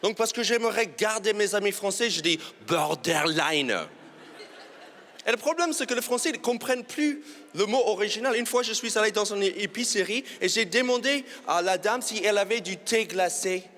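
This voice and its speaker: A man's voice: high-pitched, fairly quick, fairly bright tone. A man from New York with an American accent doing a self-mocking stand-up routine in French on a TV studio set. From New York, USA. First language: English. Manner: playful, self-mocking, punchline timing. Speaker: comedian guest.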